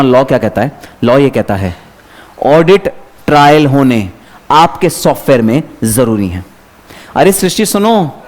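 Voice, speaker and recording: Lively, chatty male teacher. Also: a little high. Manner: lively, chatty, addresses students by name, mixes English terms. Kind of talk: exam revision lecture to students.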